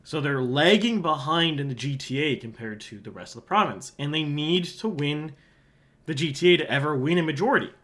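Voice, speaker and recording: Fairly high-pitched, animated, and brisk, this Halifax man talks casually on his own through an election forecast map despite a sore throat. As a channel host and election analyst, he keeps it conversational, slipping in quieter asides while pointing at the map.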